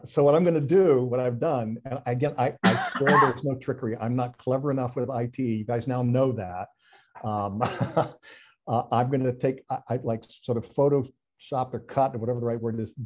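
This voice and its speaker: A man's voice: mid-range voice, a little mellow. A man giving a casual presentation over a video call, chatty and self-deprecating, with frequent restarts and fillers. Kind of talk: casual online talk presentation.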